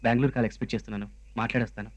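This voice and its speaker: A man playing a polite, quick young groom. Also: mid-range voice, steady tone, no room sound, lightly acted. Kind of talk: film dialogue.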